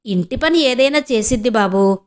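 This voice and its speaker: A woman's voice: a little high, lively intonation, moderate pace, close to an everyday voice. A woman voicing a timid, middle-aged village father who speaks hesitantly in rustic speech. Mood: placating.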